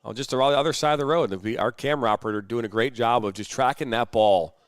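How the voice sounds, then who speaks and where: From a commentary booth at a soccer complex, a man with a mid-range voice calls a youth soccer match quickly and chattily, explaining the referee's decisions at length. The studio-clean recording has no room sound.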